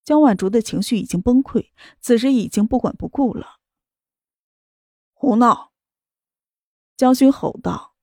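A female audiobook narrator tells the story in a steady, measured way. Her voice sits a little high but sounds soft and mellow. The recording is dry and close. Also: no echo. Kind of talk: scripted novel narration.

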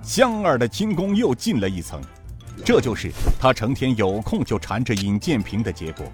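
A man narrating a serialized martial-arts story in an expressive, animated way. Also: mid-range voice, moderate pace, faint music behind.

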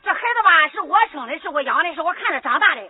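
Firm old Henan mother, very high voice, tinny recording with audience. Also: animated, racing, crowd noise. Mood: firm reasoning. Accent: Henan dialect. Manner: firm, reasoning, pleading. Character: firm old mother defending her son. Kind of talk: comic folk opera dialogue.

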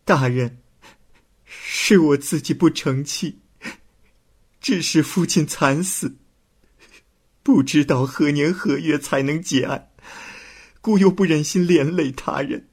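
A man voicing a frightened young woman who pleads falteringly in a high voice, in a storytelling reading. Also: slow pace, pauses often, breathy edge, full character voice. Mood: tearful.

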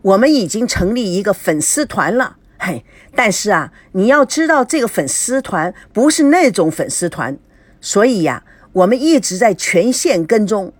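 A woman's voice: medium pitch, sing-song, normal speed, dry recording. A woman voicing an eager female fan-club member who chatters through her amateur sleuthing in a story reading.

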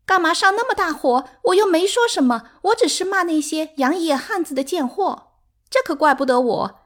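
A woman's voice: extremely high pitch, expressive, moderate pace, voice pushed up. A woman voicing a hysterical, sobbing concubine who screams her lines in an audiobook. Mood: shrill furious.

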